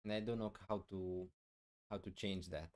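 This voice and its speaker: Steady in tone and moderate in pace, a low-voiced man runs a fantasy football live stream, loudly answering chat questions while thinking aloud through many fillers. He keeps clearing his throat as his voice goes.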